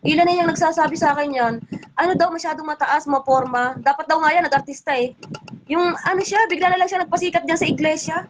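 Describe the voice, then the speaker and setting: Fast-talking high-voiced woman hosting a livestream. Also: noisy background. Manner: indignant, scolding, talks fast. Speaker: livestream host. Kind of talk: casual livestream chat.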